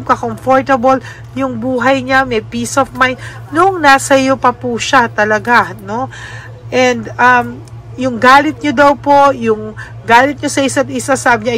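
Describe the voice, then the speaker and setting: A Filipino woman giving a casual spoken card reading to her viewers, gentle and often adding little tag questions. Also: sits high, a little hiss or hum. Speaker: tarot card reader.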